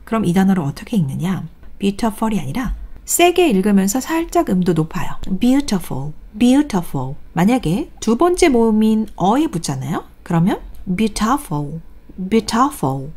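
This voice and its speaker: A woman's voice: mid-range voice, sing-song, moderate pace, few pauses, mellow. A woman teaching English pronunciation in a recorded online lecture, patiently reading examples aloud for the class to follow.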